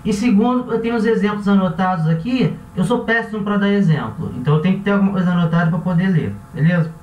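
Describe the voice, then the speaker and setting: A Brazilian man with a relaxed, chatty teaching manner who often corrects himself and checks in with his listeners. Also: high-pitched, quick pace, dull audio. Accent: Brazilian Portuguese. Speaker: language teacher. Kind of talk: casual classroom explanation. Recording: echoey room, voice a bit far from the mic.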